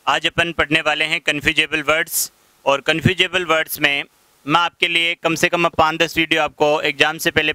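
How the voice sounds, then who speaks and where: Male tutor, very bright and crisp delivery, dry close sound, explains vocabulary casually and spells words aloud. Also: fairly high pitch, no room sound. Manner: mixes English terms into Hindi, spells words letter by letter. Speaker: teacher. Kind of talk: casual online English lesson.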